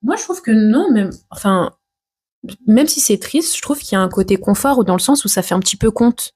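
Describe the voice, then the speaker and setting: A young woman hosting a casual podcast chat, chatty and quick to chime in. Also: medium pitch, expressive, darkish tone, breathy edge. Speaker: podcast host.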